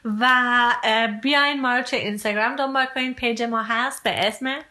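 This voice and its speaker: Chatty, bright-voiced woman podcast host. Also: on the high side, fairly even intonation. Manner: chatty, leads the conversation, prompting her co-host. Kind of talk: casual co-hosted podcast chat.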